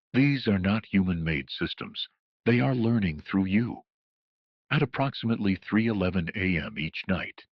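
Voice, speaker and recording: The muffled, lo-fi recording, echoing as if in a large room, features a man narrating a scripted horror emergency broadcast. His fairly low, husky voice takes on the tone of a solemn, ominous official announcer.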